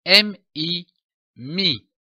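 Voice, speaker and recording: A man teaching a reading lesson, spelling out syllables slowly and clearly with emphatic delivery. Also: sits high, expressive, bright, forceful tone, no echo, dull audio. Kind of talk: slow, deliberate reading lesson.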